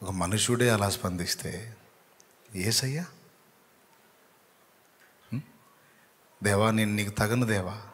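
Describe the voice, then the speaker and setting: A male pastor tells a sermon story in a low, slightly husky voice. He acts out the people in the story, swinging from hushed lines to loud, urgent bursts. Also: slow pace, long pauses. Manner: dramatic storyteller, acting out quoted voices with sudden loud rises.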